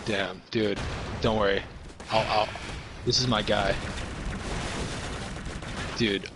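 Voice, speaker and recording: A man's voice: on the low side, fairly even intonation, background noise. Rambling young man over game gunfire. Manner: rambling, halting, swears often. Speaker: podcast guest. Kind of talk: casual chat while gaming. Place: home, at his girlfriend's parents' place. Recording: loud game gunfire behind voice. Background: video game gunfire and explosions.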